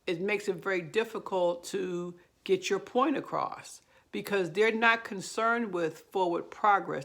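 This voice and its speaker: A woman with a lowish, gravelly voice talks through advice in an earnest, explanatory way. She speaks straight to camera like a counselor and often pauses on fillers or restarts her sentences. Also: a bit bright. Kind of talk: direct-to-camera advice talk.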